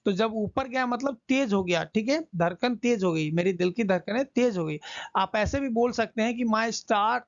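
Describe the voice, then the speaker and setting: A man teaching English in Hindi, chatty and slowly repeating phrases for learners. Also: high voice, dry recording. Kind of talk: Hindi English lesson, explaining a story line by line. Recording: dull lo-fi audio.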